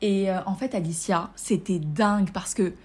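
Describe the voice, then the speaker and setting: A woman's voice: mid-range voice, normal speed, breathy edge. Enthusiastic French-speaking woman podcaster. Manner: enthusiastic, chatty, addresses listener directly. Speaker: podcast host and coach. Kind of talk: casual personal podcast monologue.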